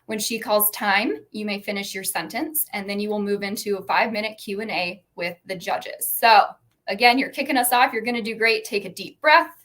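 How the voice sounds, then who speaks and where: A woman hosting an online pitch competition, introducing speakers in a friendly, encouraging, lightly chatty way. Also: normal speed, fairly bright tone. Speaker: event host.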